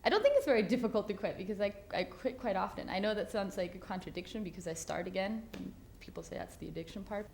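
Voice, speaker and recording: A woman's voice: mid-range voice, lively intonation, fast talker, gravelly, hardly any pauses, darkish tone, slight background noise. Frank, self-laughing woman in her twenties. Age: 20s. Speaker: interviewee. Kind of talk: candid interview answers.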